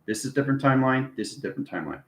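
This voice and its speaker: An online spiritual teacher, a man with a medium-pitched, animated voice, races through an informal explanatory demonstration for viewers. He speaks in fragmented phrases thick with esoteric jargon, constantly checking in with tags like "okay" and "right." The recording sounds roomy and echoing.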